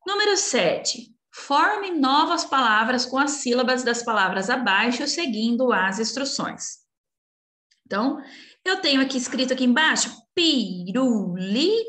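Woman primary teacher, recorded lesson; high-ish, animated, patient and coaxing; roomy echo. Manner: slow, coaxing, talks down gently to young children. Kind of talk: recorded remote class walkthrough. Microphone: computer recording while sharing screen. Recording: echoey room.

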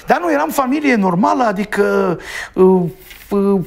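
A man sits as a guest on a talk show, telling stories in a loose, rambling way. His voice sits high and has a gravelly, creaky edge. He strings his thoughts together with asides and fillers. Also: expressive, a little mellow. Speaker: interview guest. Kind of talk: casual talk-show conversation.

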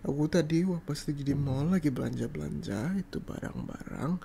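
A man's voice: fairly high pitch, brisk, vocal fry, mellow, slight background noise. A young man in an ASMR boyfriend role-play, pleading and apologizing in a coaxing way and slipping English phrases into his speech.

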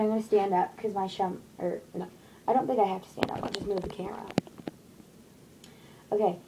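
In a small indoor bedroom decorated with posters, a young woman at mid-range pitch chats casually about her shopping haul, rambling and filling pauses. The webcam on her desk picks her up at close range against a noisy background.

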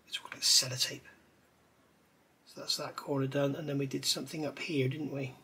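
There's a little hiss or hum on this overhead-camera recording of a middle-aged man at his indoor hobby workbench. His mid-range voice moves a bit fast as he builds a scale model, rambling casually and mixing step-by-step guidance with talkative asides.

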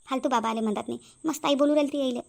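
A woman's voice: high voice, racing, creaky, a little mellow. A woman voicing a quarrelsome middle-aged mother-in-law in a cartoon, nagging and accusing. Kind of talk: cartoon voice acting.

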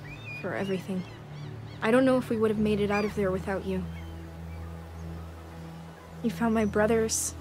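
An actress playing a grateful young adult female survivor in a video game. She speaks softly and sincerely. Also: mid-range voice, fairly even intonation, moderate pace, long pauses, over music, close to an everyday voice.

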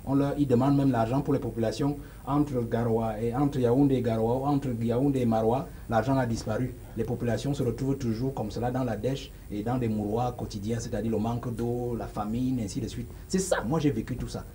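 His medium-pitched, mellow voice moves briskly with fairly even intonation and few pauses, though he still hesitates often as a political guest. The man, in his forties with a Cameroonian French accent, gestures and speaks emphatically in a small sofa studio. His lapel mic gives a rough recording with a little hiss or hum.

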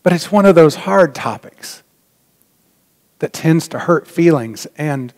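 A middle-aged pastor's fairly high, slightly mellow voice moves slowly and expressively through a sermon in a large church sanctuary. He is earnest and reflective, hushing to a near-whisper at key moments. Long reverb from the church hall lingers on his words.

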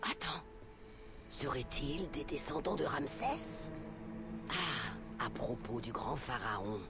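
A woman playing a shrewd, secretive antiquarian in a video game, with a hushed, wary, urgent manner. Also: rumbling low, takes it slowly, music in the background, exaggerated voice. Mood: intrigued, cautious. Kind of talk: video game drama acting.

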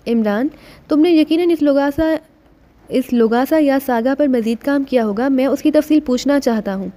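A man's voice: extremely high pitch, dark tone. A woman voicing a stern, grave senior male officer in an audiobook.

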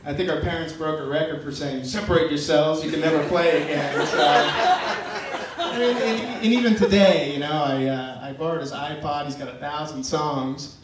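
In a large wedding tent at night, a young man with a somewhat high voice offers an informal, joking toast in a halting, affectionate, teasing way. His handheld PA mic is recorded by a distant camera, so he sounds far away and echoey. Noisy wedding guests surround him.

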